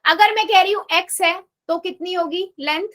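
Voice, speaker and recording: Teaching math in a live online class, a woman with a very high, slightly bright voice speaks at a moderate pace. She patiently coaxes her students, repeats each question again and again, and mixes English math terms into her sentences.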